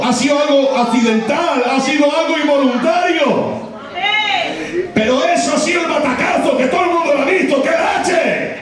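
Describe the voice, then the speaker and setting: A man preaching a sermon, impassioned and building to shouts with repeated phrases. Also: very high voice. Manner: impassioned, rising to shouted, repetitive emphasis. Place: church hall. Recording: very echoey church hall, mic far off.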